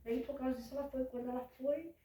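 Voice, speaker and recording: A woman's voice: high voice, fairly even intonation, quick pace, warm tone. An older woman telling her life story in casual talk, devout and often quoting prayers and her grandmother. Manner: devout, retells prayers and quotes elders. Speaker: interviewee. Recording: echoey room from far off.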